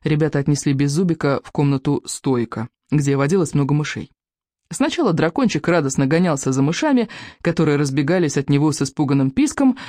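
A reader telling a children's adventure story in scripted narration, with expressive storytelling. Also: medium pitch, no echo, clean studio sound. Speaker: audiobook reader.

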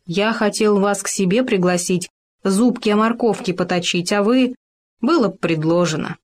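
A woman's voice: medium pitch, normal speed, close to an everyday voice. Woman voicing a hearty fat hare. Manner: loud, hearty exclamations. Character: boisterous fat male hare, generous but stingy.

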